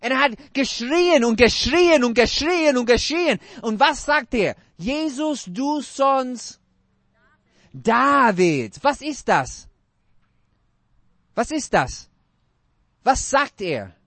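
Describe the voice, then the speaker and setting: A man's voice: extremely high pitch, big pitch swings, slow, long pauses, a bit bright, no room sound. A man preaching a sermon in non-native German with broken grammar, emphatic and asking the congregation repeated questions.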